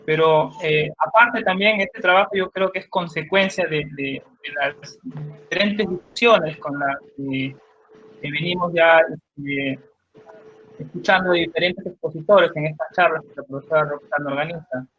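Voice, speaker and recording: A man with a somewhat high voice gives an academic talk, stumbling and repeating himself. His audio comes over a choppy internet call that keeps breaking up. The sound is dull and distant, like a cheap computer mic. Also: a bit bright. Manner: halting, repeats words often. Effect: choppy, breaking-up internet call connection. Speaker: guest lecturer. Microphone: computer mic on a video call.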